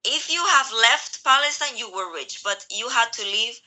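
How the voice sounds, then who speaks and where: Bright-voiced young woman, hesitant speech. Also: on the high side, lively intonation, normal speed, poor audio. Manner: hesitant, many fillers and restarts. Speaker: interviewee. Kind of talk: casual conversational recollection. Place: Greece.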